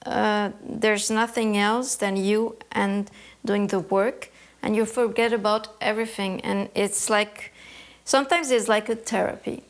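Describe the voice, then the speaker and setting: Thoughtful and often pausing to reach for words, a woman from Canada talks about her embroidery work while answering an interviewer. She speaks at a medium pitch with a steady tone.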